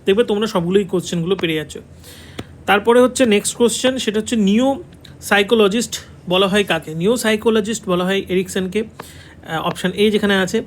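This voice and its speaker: A man with a Bengali accent teaches an online exam-prep lesson in a high voice, going over each answer more than once and checking in with his students. Faint noise sits under the recording. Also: quick pace. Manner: repeats key answers, checks in with "ঠিক আছে". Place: classroom with a board.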